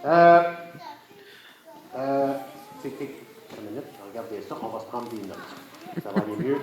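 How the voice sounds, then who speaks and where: A man's voice: mid-range voice, animated, measured pace, a little mellow. A man with a Quebec French accent doing playful, teasing magic show patter as a children's party magician, coaxing the kids along with short questions. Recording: echoey room, audible background noise.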